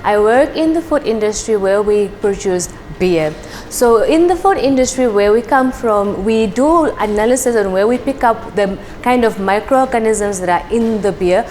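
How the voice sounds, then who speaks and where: A woman's voice: medium pitch, lively intonation, moderate pace, in a large hall, slight background noise. A woman, a lab technician, giving an earnest testimonial with frequent fillers. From Namibia. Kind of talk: interview testimonial. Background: soft background music.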